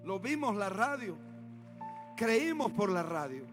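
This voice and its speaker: A man's voice: sits high, very animated, slow, music in the background. A Honduran man preaching as a pastor in a church, with an impassioned, chanting, sing-song cadence. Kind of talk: revival sermon.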